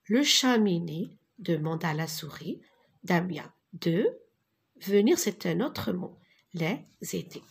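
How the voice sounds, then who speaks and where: A woman teacher giving a reading lesson to young children, speaking deliberately and repeating each word for her pupils. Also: on the low side, expressive, creaky, husky.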